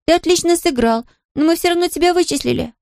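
A woman voicing an excitable young girl with a high, giggly voice in a storybook reading. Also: fast talker, gravelly, no echo, clean studio sound. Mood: pleading.

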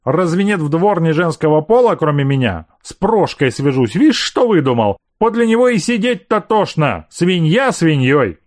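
A man voicing a quarrelsome middle-aged housekeeper woman who scolds in a high, shrill voice. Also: big pitch swings, normal speed, few pauses, darkish tone, no echo, studio quality. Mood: scolding.

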